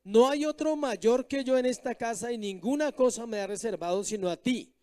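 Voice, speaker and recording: A man preaching from the pulpit, his voice pitched high yet mellow and dark in tone. He reads scripture aloud and keeps turning to the congregation with rhetorical questions, answering them himself. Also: moderate pace. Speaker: pastor. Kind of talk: sermon.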